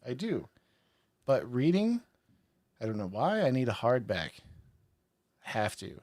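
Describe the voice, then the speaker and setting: A man's voice: medium pitch, big pitch swings, unhurried, a little mellow, no room sound, clean studio sound. A tipsy man hosting a live stream, chatting casually and rambling, laughing often. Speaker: podcast and stream host.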